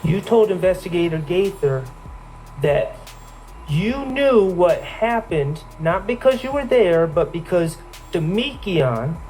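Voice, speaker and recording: A male attorney cross-examines a witness in a courtroom. He asks measured, pointed questions and pins down each answer. His voice sits a little high for a man, and faint music runs under it. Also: darkish tone, low-quality recording. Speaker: defense attorney.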